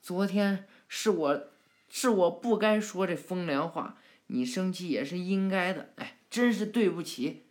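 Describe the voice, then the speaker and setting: A woman voicing a clever, calm boy ninja who apologizes earnestly in a spoken cartoon retelling. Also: lowish voice, unhurried. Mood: apologetic.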